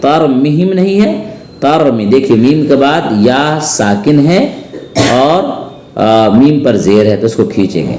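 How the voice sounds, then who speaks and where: A man teaching Quran recitation, slowly chanting verses, then explaining pronunciation in brisk speech with an Indian Urdu-Hindi accent. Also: mid-range voice, big pitch swings, darkish tone, reverberant, a little hiss or hum. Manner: alternates slow melodic chanting with quick explanatory speech. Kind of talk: recitation lesson with spoken corrections.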